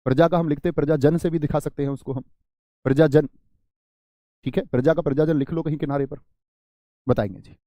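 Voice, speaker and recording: A man's voice: on the high side, fairly even intonation, fairly quick, long pauses, dark tone, no echo. A man teaching a Hindi grammar class online, talking straight to his students, stressing and stretching single words to drive points home. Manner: addresses students as friends, preachy asides.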